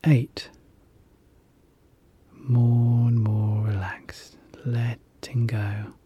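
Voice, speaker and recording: A slow, breathy whispering hypnosis guide. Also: medium pitch, little pitch movement, muffled recording. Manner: soft whispering, soothing repetition. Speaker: relaxation guide. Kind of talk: guided hypnosis relaxation, ASMR.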